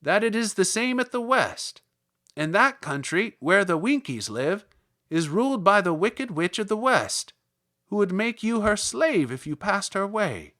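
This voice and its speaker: A man reading aloud, voicing a small Munchkin man speaking high, loud and urgently. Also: sing-song, unhurried, full character voice. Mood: fearful.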